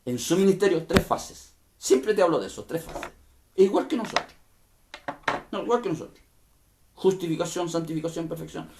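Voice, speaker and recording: A male pastor delivering a sermon in a fairly high voice. He builds to emphatic bursts, then drops to quiet asides, and keeps asking his congregation questions. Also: slight background noise. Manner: addresses listeners directly with questions.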